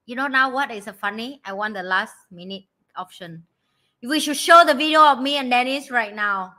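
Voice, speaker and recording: A woman's voice: fairly high pitch, moderate pace, pushed and bright. A woman vlogger chatting casually as host in non-native English, self-mocking and repeating herself for emphasis. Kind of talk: casual live chat.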